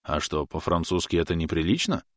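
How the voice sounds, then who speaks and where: A man voicing a calm, sly immigrant father in an audiobook, speaking in a dry, deadpan way. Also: low voice, fairly quick, no echo, lightly acted.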